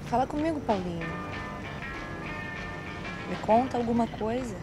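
An actress with a Brazilian accent playing a soft-spoken, teasing mother who talks quickly. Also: on the high side, animated, over music. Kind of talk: film dialogue.

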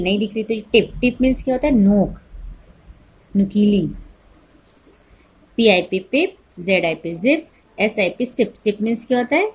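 A female teacher with a medium-pitched, darkish, slightly rough voice leads an online phonics lesson for small children. She spells words letter by letter, says them slowly afterward, and answers her own questions.

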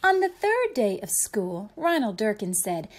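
A woman's voice: mid-range voice, big pitch swings, measured pace. A woman reading a picture book aloud expressively for young children, explaining things simply like a teacher.

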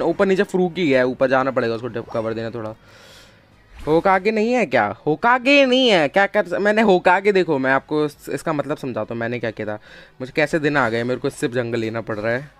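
A man streaming a mobile game live, chatting with viewers and calling out to teammates, with bursts of excited shouting. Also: fairly high pitch. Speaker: gaming streamer. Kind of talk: casual live game commentary.

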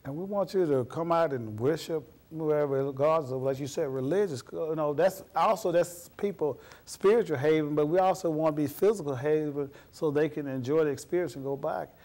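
A man's voice: a little high, brisk, hardly any pauses, darkish tone. A middle-aged man, a police officer guest on a TV studio interview, speaking on a lapel mic in an earnest, folksy, plain-spoken way. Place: TV studio set.

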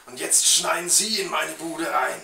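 A man's voice: on the high side, a little slow, creaky, pushed and bright, full character voice. Man acting a melodramatic paranoid detective, echoey room. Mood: weary, resigned. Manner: melodramatic, bellowing outbursts. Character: paranoid, gun-loving private detective on the run. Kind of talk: amateur film noir acting. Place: living room, indoors. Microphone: camera mic at a distance. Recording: echoey room, distant mic, noisy.

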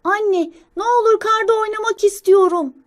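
A woman voicing an eager, cheerful little squirrel child in a storybook reading, with squealing excitement. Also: very high voice, normal speed, pitched above the performer's own voice. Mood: pleading. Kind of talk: storybook character voice.

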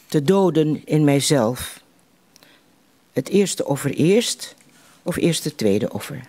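Slow, high-voiced man reciting poetry. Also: animated, warm tone. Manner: deliberate phrasing with long pauses between lines. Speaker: poetry reciter at a literary evening.

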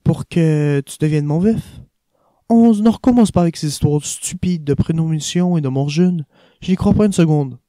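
A man's voice: fairly high pitch, moderate pace, mellow, no echo, clean studio sound, voice pushed up, natural voice. Man voicing a teasing young woman lover.

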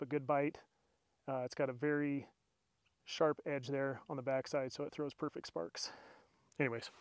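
A middle-aged man with a mid-range voice, recorded dry, narrates a casual bushcraft vlog from a mountain campsite. Chatty and self-deprecating, he goes through his gear one step at a time for the camera, using a camera mic plus a body cam and a camera on a tripod.

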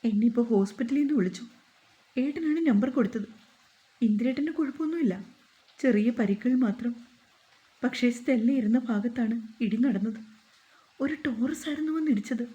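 A woman's voice: fairly high pitch, moderate pace, pauses often, mellow, lightly acted. A woman voicing a caring young woman who brings bad news and comforts her family. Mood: anxious.

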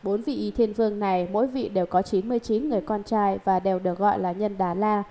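Mellow-voiced woman reading scripture commentary. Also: mid-range voice. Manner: steady, measured explanatory reading. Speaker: reader of a Buddhist commentary.

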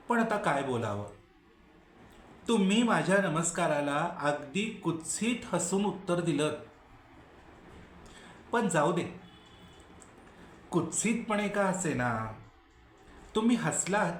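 A man's voice: sits high, a little hiss or hum. A man performing a solo stage monologue as a weary, scorned male vulture who pleads with an audience and answers hecklers wryly. Heard in an echoey room with faint music behind. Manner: pleading, wry, talking back to unseen hecklers. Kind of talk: Marathi solo dramatic monologue.

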